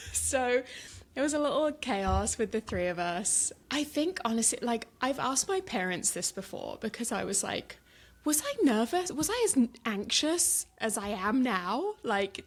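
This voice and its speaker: A woman in her thirties from the south of England, with a southern English accent, chatting as a guest in a casual interview, self-deprecating and quick to laugh. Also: fairly high pitch. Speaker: guest, supper club founder.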